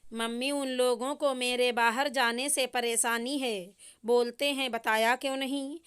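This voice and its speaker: A woman's voice: fairly high pitch, fairly even intonation, a little slow, a bit bright, clear, resonant tone. A woman voicing a stubborn, spoiled young bride who talks back angrily. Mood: angry. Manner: sulky, defiant.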